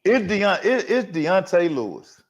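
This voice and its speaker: A man who once coached high school football, telling a story in casual, slangy sports talk and voicing the people in it. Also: a little slow, dull audio. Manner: animated, slangy storytelling with voiced quotes. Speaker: sports talk show host.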